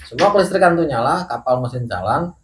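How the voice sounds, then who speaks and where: A middle-aged man telling a ghost story in casual chat, measured and unhurried, clearing his throat now and then. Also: medium pitch, animated. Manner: measured storytelling with pauses and occasional coughs. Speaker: guest storyteller. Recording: echoey room with faint noise.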